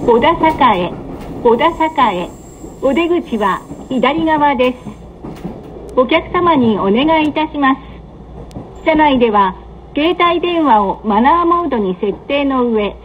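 A woman giving scripted automated train announcements in a polite, measured, formal manner. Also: high voice. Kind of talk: scripted recorded onboard announcement. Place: train carriage public-address system. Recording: dull lo-fi train PA, running noise. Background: train ambience.

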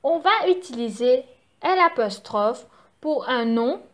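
A woman's voice: sits high, animated, slow pace, a bit bright. A woman teacher giving a recorded grammar lesson for children, patiently spelling out letters and repeating each rule. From Mauritius.

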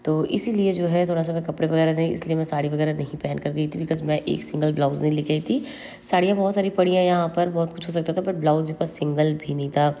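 A woman's voice: low voice, steady tone, quick pace, few pauses, dark tone. A young woman talking casually to her vlog viewers, chatty and dropping English words into her speech. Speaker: vlogger.

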